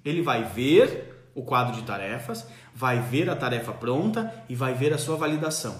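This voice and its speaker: A man's voice: mid-range voice, lively intonation, moderate pace, reverberant. A man hosting a casual live stream of parenting advice, talking animatedly and acting out parents and children as he goes.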